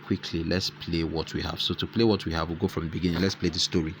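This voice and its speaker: A man with a very low voice walks through an animation app step by step. He rambles and often corrects himself mid-sentence. A faint hiss sits behind his voice. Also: flat delivery, fast talker. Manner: rambling, self-correcting explanation. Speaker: tutorial host. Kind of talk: screen-recorded app tutorial.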